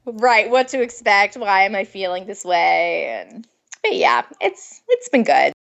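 A woman's voice: medium pitch, very animated, unhurried, creaky, highs cut off. A pregnant woman, a food blogger guest, chatting casually in an interview, giggling often and filling her speech with "like". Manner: chatty, giggly, lots of filler "like".

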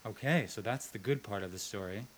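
An actor plays a young camper with a morbid streak. He tells grim details in a hushed, deadpan voice. This is film drama dialogue. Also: lowish voice, a little fast, a little hiss or hum, lightly acted. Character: young man camper, morbid quiet storyteller.

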